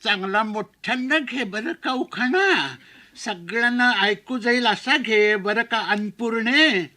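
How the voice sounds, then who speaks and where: A man playing a fussy elderly aunt who coaxes the bride in a slow, drawn-out voice. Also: high voice, lively intonation, sharp tone, full character voice. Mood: coaxing.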